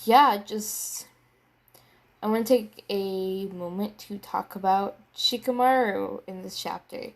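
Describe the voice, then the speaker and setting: Young woman, excitable manga reviewer; slow, drawn-out delivery, rambling, swears when worked up. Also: medium pitch, gravelly. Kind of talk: casual video review.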